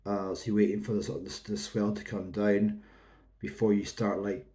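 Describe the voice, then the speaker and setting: A man's voice: on the low side, little pitch movement, moderate pace, warm tone. A man in his thirties with a Hebridean Scottish accent, giving a casual, rambling review to camera in an informal, explanatory way. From Isle of Lewis, Outer Hebrides, Scotland. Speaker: whisky reviewer.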